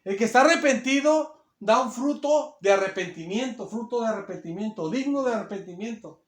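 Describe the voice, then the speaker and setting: High-pitched guy preaching in a church, emphatic, lots of restarts, roomy echo. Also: lively intonation, brisk. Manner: emphatic, acts out quotes, many restarts. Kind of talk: sermon Bible teaching. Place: church hall.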